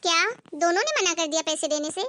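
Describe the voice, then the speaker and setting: A woman voicing a caring, outspoken young married daughter who talks in a lively, direct and insistent way, in an amateur family skit. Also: very high voice, fast.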